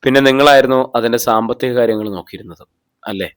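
A man's voice: medium pitch, quick pace, smooth, dry recording, close to an everyday voice. A man reading as a shrewd, probing police officer. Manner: probing, pressing questions.

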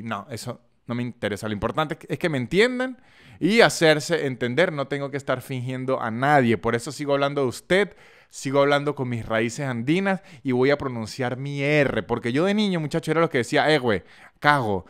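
A man's voice: medium pitch, expressive, brisk, clear, resonant tone. A man with a Venezuelan Andean accent hosting a casual podcast, talking in a chatty, jokey way with frequent stumbles and restarts. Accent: Venezuelan Andean, San Cristóbal. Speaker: podcast host. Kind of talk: casual podcast monologue with ad reads.

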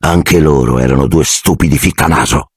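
A man's voice: normal speed, husky, no echo, studio quality. A man doing a cold haughty menacing wizard. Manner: menacing, contemptuous, low and quiet. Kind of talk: audiobook character voice.

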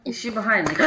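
A woman streaming a horror game with casual commentary, jumpy and scared, breaking into excitable exclamations. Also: medium pitch, heavy background noise. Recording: music behind the voice.

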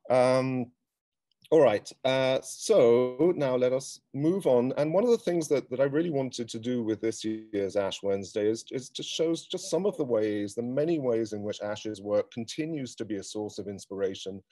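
A middle-aged man hosting a live-streamed cultural event, talking in an unhurried, thoughtful way with frequent ums and restarts. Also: medium pitch, dark tone, no echo. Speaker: host.

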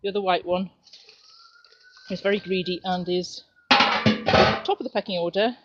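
A middle-aged woman giving a relaxed, cheerful walk-through tour of her back garden and chickens, filmed outdoors on a handheld camera. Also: lowish voice, measured pace, loud music behind the voice. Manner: chatty, relaxed, cheerful narration while walking. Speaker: home video maker. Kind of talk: casual home video tour. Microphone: handheld camera mic. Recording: dull lo-fi camera audio with noise.

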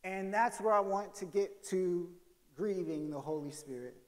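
A male pastor preaching a conversational sermon, swinging from loud to hushed. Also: sits high, a little slow.

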